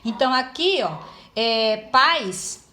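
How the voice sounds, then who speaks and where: A woman's voice: sits high, expressive, unhurried, a bit bright, slight background noise. Patient woman teaching a class. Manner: patient, explains step by step, many fillers. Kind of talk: informal classroom lesson.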